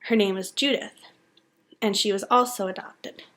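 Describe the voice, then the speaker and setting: Calm woman in her twenties. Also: mid-range voice, normal speed. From Connecticut, USA. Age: 20s. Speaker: adoptee telling her story. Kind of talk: plain personal narration.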